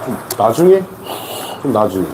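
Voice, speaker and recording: A man's voice: medium pitch, sing-song, moderate pace. A man in his thirties, a table tennis coach chatting on a live stream, laid-back and repeating short phrases. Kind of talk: casual live-stream chat. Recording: noisy live-stream audio.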